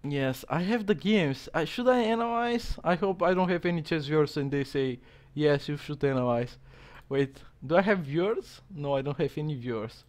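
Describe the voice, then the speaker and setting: A young man streaming from a small dim room on a headset, reading aloud haltingly with many fillers and chuckles in casual commentary. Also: fairly high pitch, lively intonation.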